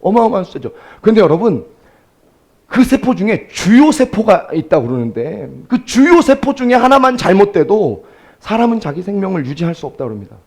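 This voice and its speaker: High, lively-voiced Korean pastor. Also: male voice, a little fast. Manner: swings from soft storytelling to loud emphatic exclamations; addresses congregation directly, asks rhetorical questions. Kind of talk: sermon.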